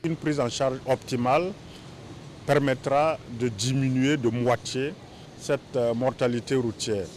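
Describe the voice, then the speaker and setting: A man giving a measured, explanatory interview soundbite. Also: medium pitch, steady tone, darkish tone, slight background noise.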